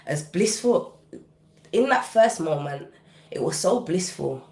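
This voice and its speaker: A woman's voice: low voice, lively intonation, a little slow, a little mellow, roomy sound. A British woman, a guest recording artist, recounting a personal story in a podcast interview with vivid, intense, casual delivery. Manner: vivid, intense retelling with casual dialect grammar.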